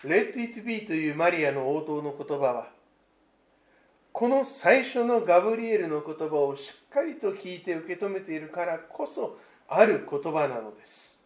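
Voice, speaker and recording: A man preaching a Christmas sermon, slow and reflective with dramatic pauses. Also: on the high side, expressive, reverberant. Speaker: pastor.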